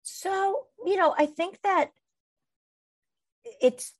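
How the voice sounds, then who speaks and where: A woman's voice: very high-pitched, dry recording. Woman from Costa Rica telling her story. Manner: measured storytelling with occasional fillers. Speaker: guest, venture capital founder. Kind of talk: interview answers.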